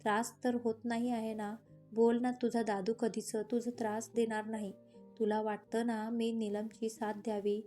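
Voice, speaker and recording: A woman voicing a worried, protective young man speaking gently to his sister in an audio story. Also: on the high side, flat delivery, normal speed, faint music behind, lightly acted. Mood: tender. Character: worried young adult brother, tender and protective.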